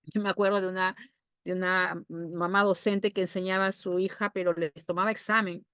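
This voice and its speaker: A woman's voice: lowish voice, flat delivery, brisk, a bit bright, smooth, no echo. A woman with a Peruvian accent, a child psychologist giving an informal talk to parents. She speaks conversationally, often tags "¿no?" and briefly acts out parents and children. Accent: Peruvian Spanish.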